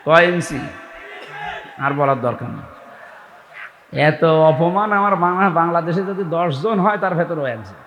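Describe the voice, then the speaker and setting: উঁচু উজ্জ্বল কণ্ঠের আবেগী ওয়াজকারী পুরুষ, প্রতিধ্বনিময় হলে. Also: male voice, a little high, animated, unhurried, pauses often, a little hiss or hum. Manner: impassioned, rising to shouts when quoting scripture. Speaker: preacher. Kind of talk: waz sermon. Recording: echoey hall with long reverb.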